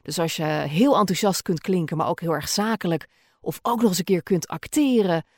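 Woman with a Gooise R, low-pitched, chatty podcast talk, dry close sound. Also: moderate pace, darkish tone, dry recording. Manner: chatty, many fillers, occasional laughs. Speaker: podcast host and voice-over artist. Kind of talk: casual podcast monologue answering listener questions.

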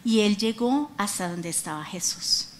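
A middle-aged woman preaching a lively sermon, acting out quoted voices and prompting the audience to repeat after her. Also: mid-range voice, unhurried, a little hiss or hum.

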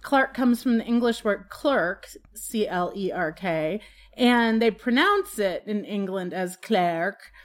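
A woman's voice: medium pitch, lively intonation, unhurried. A woman co-hosting a podcast, chatting casually and reading out facts in a matter-of-fact way. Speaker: podcast co-host. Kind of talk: casual chat.

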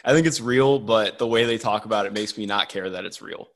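A man's voice: lowish voice, brisk, a bit bright. A man with a Midwestern accent co-hosting a casual sports podcast, rambling and restarting his sentences with chuckling asides. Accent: Midwestern American. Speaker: podcast co-host.

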